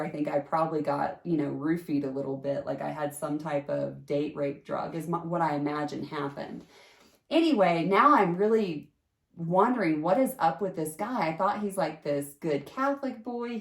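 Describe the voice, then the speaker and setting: Woman, low-pitched, casual storytelling, chatty and emphatic, roomy echo. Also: animated, normal speed, vocal fry. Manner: chatty, emphatic, with frequent fillers and restarts. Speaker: storyteller sharing a personal experience.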